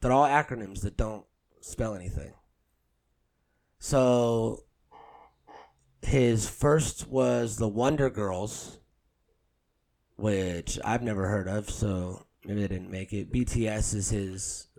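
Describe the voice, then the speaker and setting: A man's voice: on the low side, slow pace, vocal fry, long pauses, darkish tone, low-quality recording. A man chatting casually as a co-host, irreverent and sardonic, swearing freely. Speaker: co-host commenting on pop music groups. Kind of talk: casual, joking chat.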